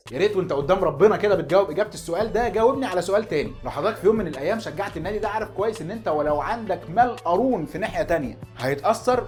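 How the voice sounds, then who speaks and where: A man in his twenties with an Egyptian Arabic accent, talking naturally and unscripted to the camera as a football fan host, earnest and insistent with rhetorical questions. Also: high voice. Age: 20s.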